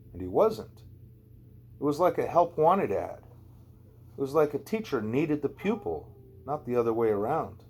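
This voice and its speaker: This is an amateur audiobook of a first-person novel, voiced by a man with a mid-range tone. He narrates with a dry, wry wit, keeping things chatty and story-like.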